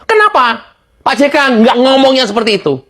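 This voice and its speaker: A woman's voice: sits high, big pitch swings, normal speed, a bit bright. A woman giving heated political commentary, firing rhetorical questions and laughing mockingly.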